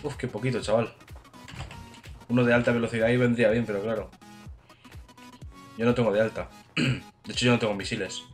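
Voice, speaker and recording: A man with a Spain Spanish accent talks through a game in casual, excitable commentary, swearing freely and urging his teammates on. His voice sits in a middling pitch. Faint music plays quietly behind him. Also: fairly quick, pauses often. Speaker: gaming channel host.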